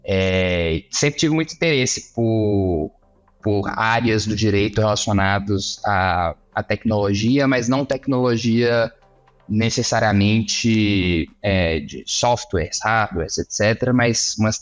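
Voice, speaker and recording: A man, a lawyer guest explaining at length and pausing to find his words. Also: on the low side, soft background music. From Minas Gerais, Brazil. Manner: measured, explanatory, searching for words. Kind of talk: interview guest.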